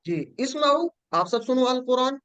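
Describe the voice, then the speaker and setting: A man's voice: very high voice, animated, normal speed, a bit bright, clean tone, no echo, highs cut off. A man teaching an online class, patiently drilling word patterns with his students.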